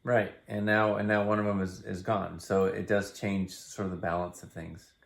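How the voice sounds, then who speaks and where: Middle aged guy, really low voice, casual vlog talk, measured, sorta thinking out loud. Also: little pitch movement, gravelly. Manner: hesitant, measured, thinking aloud. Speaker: father and family vlog co-host. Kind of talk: casual, reflective vlog chat.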